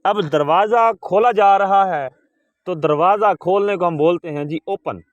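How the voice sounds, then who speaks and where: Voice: mid-range voice, unhurried, dry recording, highs cut off. A teacher leading an English lesson, spelling words letter by letter and having the pupils repeat them. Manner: addresses pupils as "beta". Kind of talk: call-and-response English lesson.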